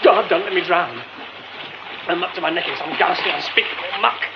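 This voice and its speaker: Radio drama: a jumpy theatre man, high and lively, stammers when rattled, dull lo-fi hiss. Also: a little fast. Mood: panicked. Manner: mutters to himself, stammers when flustered. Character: young male theatre man, nervy, quick to panic.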